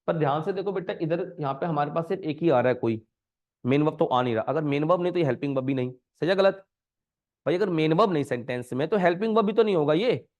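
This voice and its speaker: एक पुरुष शिक्षक ऑनलाइन व्याकरण कक्षा पढ़ा रहे हैं, बीच बीच में अंग्रेज़ी शब्द बोलते हुए और छात्रों से बार बार सवाल पूछते हुए।. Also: male voice, fairly high pitch, animated, fast talker, a little mellow. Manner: coaxing students with repeated questions; mixes Hindi with English terms. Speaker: grammar teacher. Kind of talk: live online grammar lesson. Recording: dull lo-fi sound.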